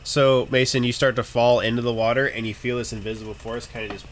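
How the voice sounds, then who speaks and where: A man running a tabletop game as game master, narrating and ruling on rolls in a relaxed, joking way. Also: mid-range voice, quick pace.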